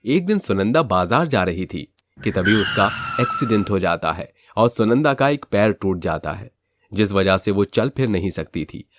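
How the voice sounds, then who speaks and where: A man narrating a moral storybook tale in a steady, even way. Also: on the low side, normal speed, heavy background noise.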